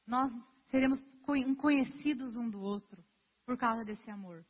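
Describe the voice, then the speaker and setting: Young woman preaching, husky voice in a hall. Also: fairly high pitch, normal speed. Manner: earnest, conversational, addresses congregation directly. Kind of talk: sermon. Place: church hall. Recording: dull lo-fi sound with long hall reverb.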